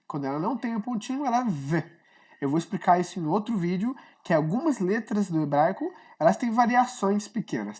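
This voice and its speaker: A woman's voice: fairly low pitch, a little mellow, husky. A woman gives a casual online Hebrew lesson, explaining each letter step by step and often checking in with her students. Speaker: Hebrew teacher.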